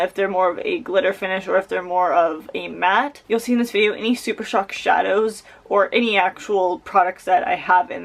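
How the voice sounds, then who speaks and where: A woman's voice: medium pitch, creaky. A woman vlogger chatting casually and playfully about her things in informal, slangy language, with a fan running as she talks. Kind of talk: casual beauty declutter chat. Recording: steady fan noise behind voice.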